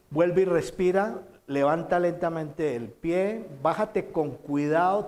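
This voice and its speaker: Emphatic Spanish-speaking pastor preaching. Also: male voice. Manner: emphatic preaching with repeated phrases and dramatic quotes; swings between loud quoted lines and soft low asides. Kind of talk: sermon.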